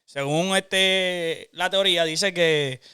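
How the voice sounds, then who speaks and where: A man's voice: high-pitched, takes it slowly, pushed and bright, clear, resonant tone. A young Puerto Rican man hosting a casual chat, rambling through a spooky tale with restarts and laughs. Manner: rambling, many restarts and fillers, laughing often. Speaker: host.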